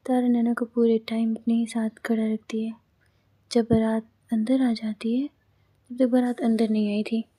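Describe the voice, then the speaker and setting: Woman reading a story, flat and mellow. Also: a little high, measured pace. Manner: plain, even reading with small restarts. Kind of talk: read-aloud story narration.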